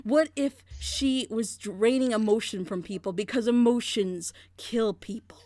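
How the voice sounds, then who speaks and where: On a group reaction show, a woman with a slightly high, dark-toned voice critically picks apart a plot twist at a measured pace. She builds her analytical argument through rhetorical questions amid the animated chat. The studio sound is clean, with no echo.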